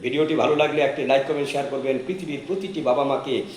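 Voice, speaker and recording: A man's voice: medium pitch, very fast, a little mellow. A man telling a moral family story in a plain, earnest way and closing with appeals to viewers. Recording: roomy echo, faint background noise.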